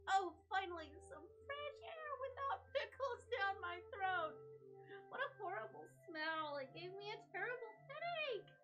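A woman's voice: very high voice, unhurried, pitched above the performer's own voice, exaggerated voice. Woman reading as a polite runaway princess. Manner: reads game dialogue aloud in a lively, playful way. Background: game music.

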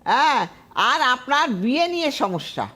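High-pitched lady astrologer, sure of herself, talks to callers on tv. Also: big pitch swings, a little slow, bright, forceful tone. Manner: confident, emphatic predictions. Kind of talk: TV call-in astrology reading.

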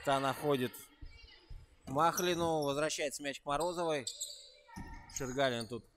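A man giving live basketball play-by-play, calling each move with rising excitement and dropping into relaxed, chatty asides between plays. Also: a little high, measured pace, very noisy. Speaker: basketball commentator.

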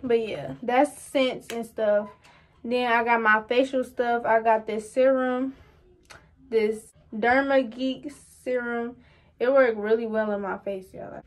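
A young woman chats to her camera at home in a rambling, easy vlog style, tossing y'all into nearly every thought. Her voice sits a little high and light. The talk is loose and friendly, held close on a handheld camera. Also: steady tone, takes it slowly. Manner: chatty, rambling, keeps addressing viewers as y'all. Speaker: vlogger. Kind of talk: casual vlog chat to camera.

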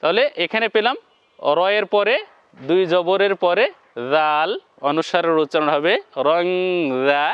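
Spelling syllables one at a time and then chanting whole words, a man patiently teaches Quran reading. The audio is dull with no room sound, though his high-sitting voice stays clean and fairly even in intonation.

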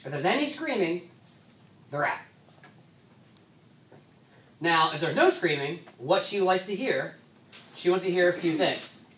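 A woman's voice: lowish voice, animated. A woman speaking as a rowing coach, giving an instructional talk for coxswains in a conversational way, often restarting her sentences. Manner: conversational, many restarts and "so"s, brisk stretches. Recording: echoey room, mic at a distance, faint background noise.

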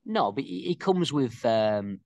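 A man co-hosting a casual fan reaction chat, talking with lots of pauses and restarts. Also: medium pitch, sing-song, darkish tone, no echo, muffled recording. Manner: hesitant, lots of ums and restarts. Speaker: co-host.

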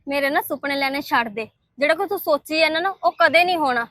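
A woman plays a stern young nurse with a very high, bright voice and a Punjabi accent. She answers curtly and dismissively. The sound is dry. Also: fast talker, dry recording. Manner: curt, dismissive.

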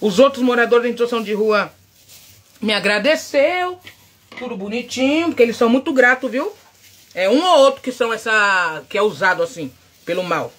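A middle-aged Brazilian woman chatting loudly and outspokenly with her viewers, telling a story while she works. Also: a little high, animated, a little fast. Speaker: vlogger. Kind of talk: casual chat while painting a wig.

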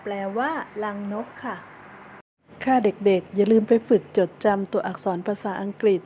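A woman teaching kindergarten children in an online lesson. She coaxes them patiently and spells words out slowly, one letter at a time. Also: mid-range voice, rough recording. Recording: steady background noise.

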